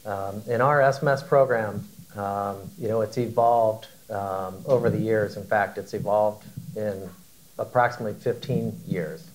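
A man in his forties answers a question on a panel in a large conference hall. His voice sits low, and he talks in a measured, hesitant way, repeating words and filling pauses with "um.". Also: fairly even intonation. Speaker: panelist, aviation operator.

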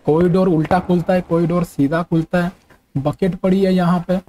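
A man's voice: high-pitched, steady tone, normal speed, a little hiss or hum, poor audio. A young man giving jokey, easily frightened commentary while playing a horror game. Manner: jumpy, jokey, often shouting in fright. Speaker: gaming streamer.

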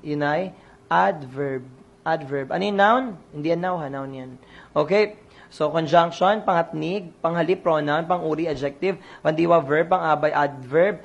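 The recording is muffled, but the coach's gravelly, fry-tinged middle-pitched voice comes through at a measured pace. During this online exam review, the coach asks the listeners questions and restates each reply.

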